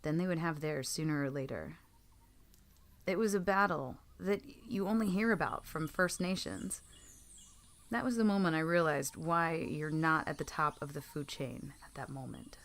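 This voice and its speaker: A low-pitched female narrator reads eerie first-person stories aloud at a moderate pace. The delivery is scripted storytelling, and the recording carries obvious background noise.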